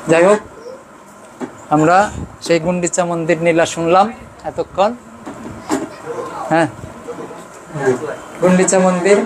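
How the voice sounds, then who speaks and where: A man giving a devotional sermon. He keeps asking questions and answering them himself, rising for emphasis and trailing off low. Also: reverberant, background noise. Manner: rises in pitch and volume for emphasis, trails off low. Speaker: preacher. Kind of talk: devotional sermon with chanted verses.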